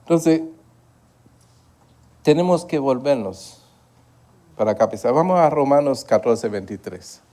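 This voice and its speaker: Slowly and expressively, with frequent pauses, a Haitian man preaches a Bible study in church in a warm voice of medium pitch. He is earnest, repeats words, and repeatedly asks his listeners whether they agree.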